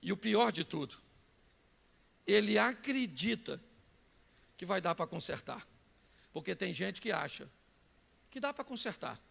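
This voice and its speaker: A man with a Brazilian Portuguese accent preaching a sermon, telling stories and breaking into shouts. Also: sits high, very animated, measured pace, vocal fry, long pauses, big-room sound. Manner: storytelling preacher who bursts into shouts. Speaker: pastor.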